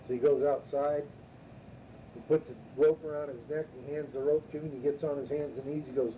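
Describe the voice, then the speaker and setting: An older man telling rambling, profane stories from his past in a rough, casual way. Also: on the high side, steady tone, brisk. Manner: rough, profane, drawling delivery. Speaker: storytelling father. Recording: muffled distant tape recording, faint hiss.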